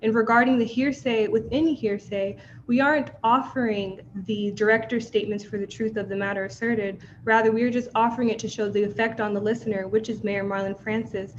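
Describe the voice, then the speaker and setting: A young woman trial advocate questioning a witness and addressing the bench in a measured, formal way, heard through a courtroom recording. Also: medium pitch, lo-fi sound, a little hiss or hum.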